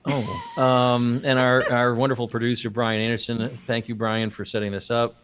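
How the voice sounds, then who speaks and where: A man's voice: medium pitch, wildly swooping pitch, moderate pace, background noise. A man in his fifties with a Boston accent, hosting a podcast in a casual way into a studio microphone. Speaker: podcast host. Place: indoor office. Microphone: boom studio mic with headset.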